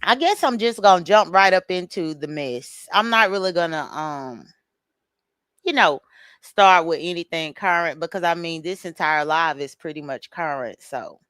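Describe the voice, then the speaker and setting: A woman's voice: lowish voice, normal speed, a bit bright, dry recording, clean studio sound. A woman hosting a live stream in casual commentary, greeting viewers by name and making emphatic, exasperated asides.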